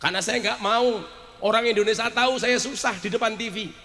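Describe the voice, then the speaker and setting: A male preacher delivering a sermon, swinging from hushed grief to loud shouting. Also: sits high, a little fast, in a large hall. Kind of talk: sermon at a memorial gathering. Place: outdoor gathering at a graveyard courtyard.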